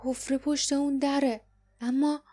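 A woman voicing an anxious young kitchen worker who speaks in a low, fearful hush. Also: little pitch movement, soft background music, lightly acted. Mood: hushed worry.

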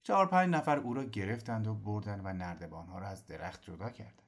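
A man narrating a novel as an audiobook in an expressive storytelling manner. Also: on the low side. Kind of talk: scripted narration.

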